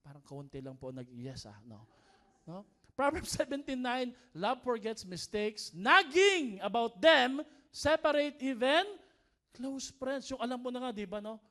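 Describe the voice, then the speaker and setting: A man's voice: very high-pitched, sing-song, unhurried, bright, forceful tone. A man with a Filipino accent, preaching a sermon as pastor and mixing Tagalog and English, often asking the congregation to respond. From Philippines.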